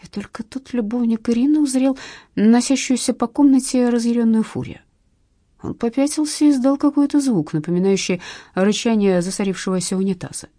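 Woman narrating an audiobook, dark voice. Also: on the high side, steady tone, a little fast, no room sound, studio quality.

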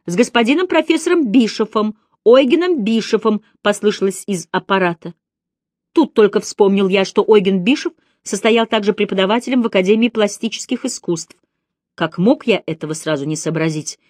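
A woman narrating a classic novel as an audiobook, giving each character a light turn of voice. Her pitch sits in an ordinary middle range. The recording is close and dry, with no room sound at all. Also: a little fast, a little mellow, no echo. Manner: reads all characters herself with light voice shifts. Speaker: audiobook reader.

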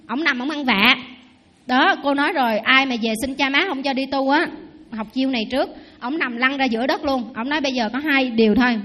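Lively high-voiced nun preaching. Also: female voice, dull audio. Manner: lively, teasing storyteller who asks the audience questions. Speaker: Buddhist nun giving a dharma talk. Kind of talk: sermon.

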